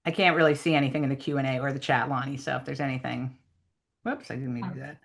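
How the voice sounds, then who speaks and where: A woman's voice: a bass voice, fairly even intonation, fast, slight background noise. A woman English professor giving an online teaching workshop, reflective and self-correcting, on a video call. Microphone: computer mic on a video call.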